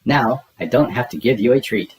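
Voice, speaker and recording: A man's voice: medium pitch, animated, moderate pace, close to an everyday voice, poor audio. A man doing Oscar the Grouch, grumpy and sly. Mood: grumpy, smug. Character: grumpy, sly trash-can grouch monster.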